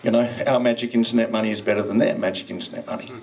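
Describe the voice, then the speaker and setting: A middle-aged man talks very fast in a lowish, darkish, steady voice as he gives a self-mocking, cheeky presentation at a blockchain meetup, exchanging banter with the audience. He's on a handheld mic in a dimly lit room, with a little hiss or hum on the recording.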